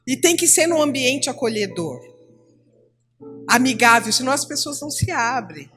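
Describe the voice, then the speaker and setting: A middle-aged Brazilian woman teaching at church, telling classroom stories and acting out the dialogue in a lively way. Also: high-pitched, normal speed, soft background music. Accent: Brazilian Portuguese. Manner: animated storytelling, acting out dialogue.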